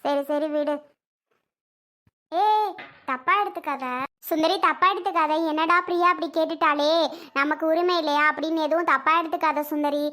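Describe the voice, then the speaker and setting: A mother in a family drama, voiced by a woman, pleading and reassuring over and over. Her voice is very high and runs at an even pace. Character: mother reassuring her offended sister-in-law.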